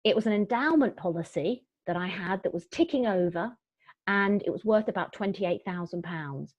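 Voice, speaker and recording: A woman's voice: lowish voice, a little mellow, no echo. Chatty woman presenting a webinar. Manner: chatty, upbeat, with frequent fillers and restarts. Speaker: property investor presenting a webinar. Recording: dull, dry lo-fi webinar audio.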